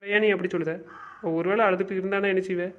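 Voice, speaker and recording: A man's voice: sits high, steady tone, quick pace, close to an everyday voice. A young man playing a pushy young man who coaxes and nags his friend to go and make up. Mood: urging. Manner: coaxing, nagging. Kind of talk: amateur web drama acting. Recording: dull lo-fi recording.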